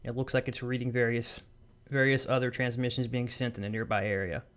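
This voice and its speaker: A man running a tabletop game as game master, describing scenes in measured detail with small restarts, on a voice call. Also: medium pitch, level tone, a bit bright.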